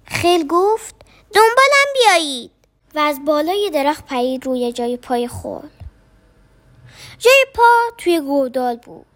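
A woman reading a children's story aloud in a playful, expressive way. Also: high voice.

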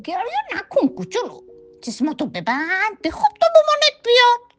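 A woman voicing a sleepy, listless little cricket who talks slowly. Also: mid-range voice, expressive, faint music behind, lightly acted. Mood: soothing.

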